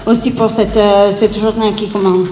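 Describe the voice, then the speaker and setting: A woman's voice: medium pitch, level tone, dark tone. A woman from Italy with an Italian accent in French gives an improvised activist speech, hesitating and rephrasing as she searches for words. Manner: halting non-native French with hesitations and rephrasing. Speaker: activist speaker at a round table. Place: round-table event, speaking to an audience. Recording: roomy echo with faint background noise.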